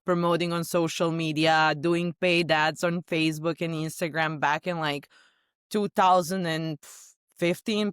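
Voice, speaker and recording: Serbian-accented woman, smooth and chatty. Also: lowish voice, fairly bright tone, no room sound, studio quality. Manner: chatty and open, talks in loose run-on phrases. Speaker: podcast guest, sales leader. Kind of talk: casual podcast conversation.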